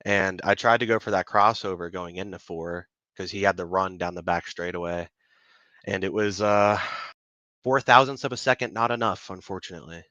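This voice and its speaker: A low-voiced man talks through his race in a laid-back, self-deprecating way, letting his sentences trail off. His tone is bright and edgy. The call audio is dry and muffled. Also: fairly even intonation, normal speed, dry recording. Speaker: race driver guest. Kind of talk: post-race interview.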